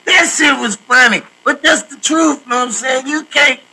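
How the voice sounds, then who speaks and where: A man hosting a podcast with a high voice that sounds bright and forceful. He talks in a loose, slangy, joking way. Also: normal speed, vocal fry, rough recording. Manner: loose, laughing, slangy storytelling. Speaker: podcast host. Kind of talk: casual chat.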